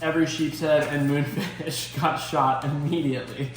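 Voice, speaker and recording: A man's voice: a little high, fairly even intonation, normal speed. Upbeat young man with a light voice. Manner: upbeat, enthusiastic. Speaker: host. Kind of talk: casual cooking vlog chat. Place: home kitchen.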